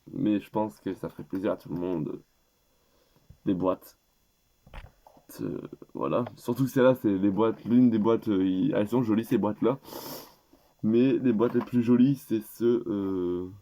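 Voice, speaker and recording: Congested from a cold, this teenage YouTuber hesitantly rambles through his gift suggestions in a casual vlog, restarting often. He speaks at a normal pace with long pauses, in a fairly low, warm male voice.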